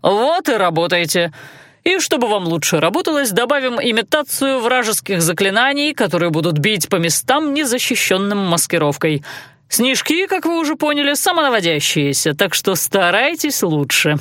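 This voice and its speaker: A woman's voice: mid-range voice, big pitch swings, normal speed, fairly bright tone, dry recording, clean studio sound. A woman reading an audiobook voices a stern male magic instructor who barks commands and makes sarcastic remarks. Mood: stern commanding.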